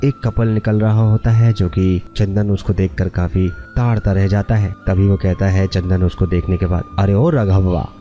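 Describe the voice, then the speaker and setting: A man's voice: low voice, fairly even intonation, moderate pace, few pauses. A man narrating a web series plot in a plain storytelling way, repeating "then" between lines. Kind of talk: retelling a web series episode. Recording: dull lo-fi with faint music.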